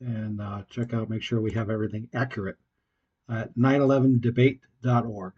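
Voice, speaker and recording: A man's voice: lowish voice, fairly even intonation, normal speed, breathy edge. A man leaving a voicemail over a landline phone, hesitant, with frequent filler sounds. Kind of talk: phone message. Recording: muffled landline phone line.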